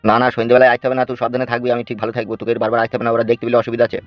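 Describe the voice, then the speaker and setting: A wounded cartoon father, voiced by a man who keeps hushing and warning his son. He speaks at a very fast pace. The recording sounds dull and lo-fi. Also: mid-range voice, little pitch movement, no echo, faint music behind, natural voice. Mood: anxious. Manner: hushing, pleading caution. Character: wounded worried father in hospital.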